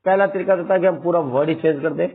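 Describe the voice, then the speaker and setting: Guy teacher going through grammar word lists for kids, keeps checking they follow, kinda high voice, sounds tinny like a phone. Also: fast talker, husky. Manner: talks to students as children, adds "है ना" as a tag after words. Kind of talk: classroom grammar lesson.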